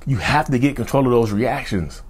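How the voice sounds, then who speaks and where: This man's mid-range voice is expressive, darkish, and slightly rough, moving at a normal speed. In his thirties, he runs a mental health channel and gives emphatic, repetitive advice straight to camera from an indoor studio with a backdrop, addressing viewers as "y'all."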